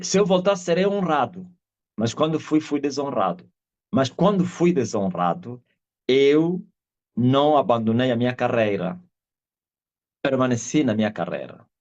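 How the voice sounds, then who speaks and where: A middle-aged man with an Angolan Portuguese accent, an apostle giving an animated testimony sermon over a live video call. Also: mid-range voice, moderate pace. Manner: animated storyteller, acts out quoted voices and shouts. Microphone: video call audio. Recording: dull lo-fi video call audio.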